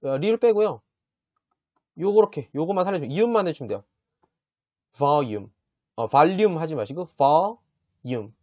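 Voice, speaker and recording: A man teaching English vocabulary in a casual lesson, chatty and often checking in with his listeners, sounding words out slowly. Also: a little high, big pitch swings, mellow, no room sound, muffled recording. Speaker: English tutor.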